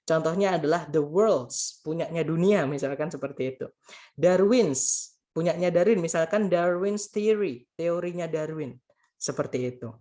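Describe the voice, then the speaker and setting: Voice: mid-range voice, normal speed, mellow. Patient, chatty grammar tutor. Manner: patient, repeats points and translates each example; keeps addressing listeners as friends. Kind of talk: casual spoken grammar lesson.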